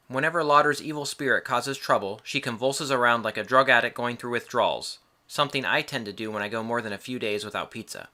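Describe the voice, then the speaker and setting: A man's voice: mid-range voice, bright, forceful tone. A man reading a scripted film review in a casual way, with wry, joking asides.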